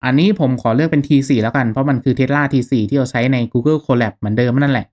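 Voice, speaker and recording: A man with a mid-range voice talks fast as he narrates a casual, step-by-step software tutorial in an informal, instructional way.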